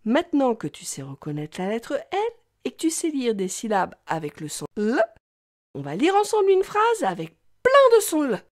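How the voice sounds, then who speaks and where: A woman teaching young children to read, talking slowly in an exaggerated, sing-song way. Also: on the high side, wildly swooping pitch, no room sound, studio quality. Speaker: reading teacher. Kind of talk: children's reading lesson.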